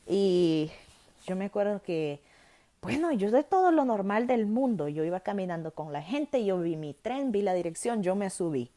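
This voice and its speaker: Salvadoran woman host, lively storyteller, warm low-key timbre. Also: normal speed. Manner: animated, lively retelling with self-corrections. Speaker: podcast host. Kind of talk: personal storytelling.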